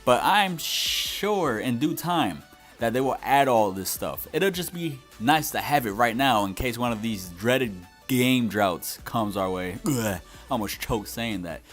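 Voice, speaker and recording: A man's voice: medium pitch, lively intonation, measured pace, fairly bright tone, soft background music. A young man giving a scripted but conversational video game review as its host.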